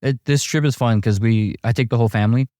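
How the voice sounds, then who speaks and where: A middle-aged man chatting casually as a guest, telling stories in a relaxed way with lots of fillers and restarts. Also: mid-range voice, fast, dry recording, studio quality. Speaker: amateur golfer guest. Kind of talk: casual chat.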